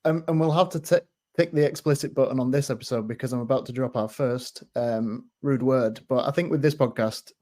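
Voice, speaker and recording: A man's voice: medium pitch, brisk, dark tone. A man co-hosting a podcast, chatting in a jokey, teasing way. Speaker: podcast co-host. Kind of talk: casual podcast chat.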